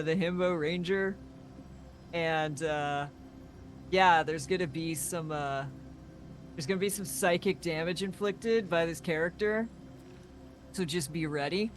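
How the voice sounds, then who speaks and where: A woman hosting a co-op game stream, chatting casually and thanking viewers in an upbeat way. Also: medium pitch. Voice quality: chatty, upbeat sign-offs. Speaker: streamer and host.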